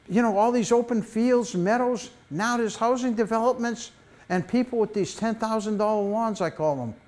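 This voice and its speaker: An older man giving a public talk on beekeeping in a library meeting room, an animated storyteller with folksy asides, speaking on a lapel mic. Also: sits high. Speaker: beekeeping presenter.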